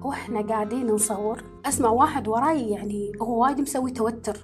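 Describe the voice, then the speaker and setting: A woman with a Gulf Arabic accent hosting a casual podcast interview, chatty and quick to laugh. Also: fairly high pitch, music in the background. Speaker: podcast host.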